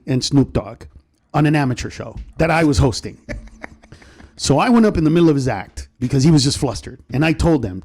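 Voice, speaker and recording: Man, middle-aged comedian, fast profane storyteller, slightly high voice, acts out voices. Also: a little mellow. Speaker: comedian guest. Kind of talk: animated storytelling in a podcast chat.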